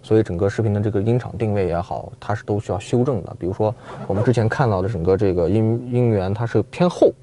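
A man chatting casually as a car reviewer inside a car, quick and full of fillers. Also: on the low side, mellow. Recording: music playing in the background.

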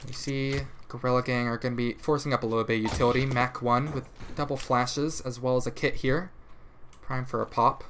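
A man casting a competitive shooter match alone, giving rapid play-by-play that jumps up in pitch and volume at big plays and corrects himself as he goes. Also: fairly even intonation, a bit bright, slight background noise. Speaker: esports caster. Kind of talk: live esports play-by-play commentary.

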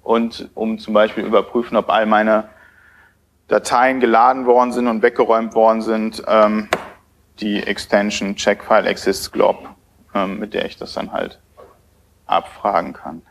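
A man's voice: lowish voice, little pitch movement, normal speed, slight background noise. Hesitant man giving a tech talk. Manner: hesitant, many filler sounds. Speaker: conference speaker. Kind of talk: technical conference talk. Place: lecture hall at a podium.

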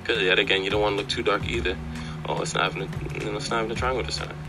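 Low-pitched man puzzling over a makeup routine. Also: steady tone, racing, noisy background. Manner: puzzled, questioning. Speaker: guest voice-over commentator. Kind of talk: casual running commentary on a makeup routine. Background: background music.

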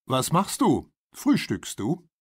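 A man acting a friendly interviewer in a scripted language-lesson dialogue, asking questions slowly. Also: on the high side, wildly swooping pitch, husky, no echo, clean studio sound, heavily acted. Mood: curious. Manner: slow, inviting questions. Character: friendly man interviewing people about breakfast.

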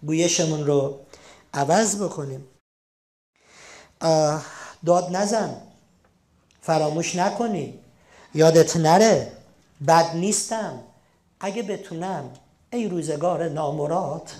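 A high-pitched man lecturing on positive thinking for a broadcast lesson. He keeps it conversational, throws rhetorical questions at his listeners, and suddenly acts out little scenes of loud or sighing speech to make his point. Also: pauses often. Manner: lively, acts out little quoted dialogues with big swings in pitch and loudness. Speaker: self-help lecturer. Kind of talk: motivational lesson on a religious TV channel.

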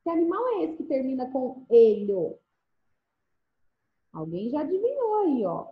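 A woman's voice: high-pitched, big pitch swings, a little slow. A woman teacher leading a remote lesson for first graders in a coaxing, sing-song manner, often checking that the children follow. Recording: echoey room, dull lo-fi sound.

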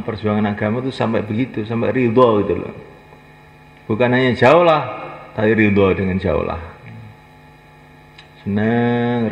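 A man's voice: fairly low pitch, vocal fry. A man preaching a folksy, humorous sermon, acting out little dialogues and urging listeners to stand. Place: mosque gathering. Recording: echoey hall, lo-fi, faint noise.

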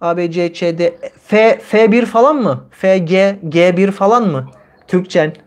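A man's voice: high voice, unhurried, a little mellow. A man in his thirties hosting a conversational language lesson, using simple, repetitive phrasing for learners. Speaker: language teacher and livestream host. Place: small room indoors. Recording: clearly noisy livestream with clicks.

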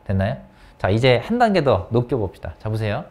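During an English grammar lesson at an academy, a male teacher uses English to pose question after question, naming the students he calls on in a lively, coaxing tone. His voice is mid-range and fairly quick.

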